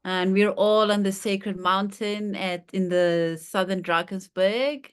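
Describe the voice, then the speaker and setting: A woman speaking gently and informally as the host of an online gathering, welcoming people and introducing a guest. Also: mid-range voice, steady tone, takes it slowly, clean tone.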